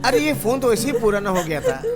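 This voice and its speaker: A volatile, high-voiced father. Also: expressive, a little fast, over loud music. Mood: coaxing. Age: middle-aged. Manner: emotional, swinging between scolding and coaxing. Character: volatile, embittered middle-aged father. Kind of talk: dubbed film acting. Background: film score.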